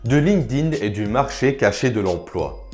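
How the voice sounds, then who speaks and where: A man talks straight to the viewer in a chatty, informal advice vlog. His pitch sits in the middle but swings up and down a lot as he explains. Quiet music plays faintly behind him. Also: lively intonation, normal speed. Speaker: career coach vlogger.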